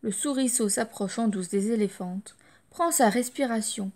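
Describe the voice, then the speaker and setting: A woman reading a children's storybook aloud, lively and expressive. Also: on the high side, moderate pace. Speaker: audiobook storyteller.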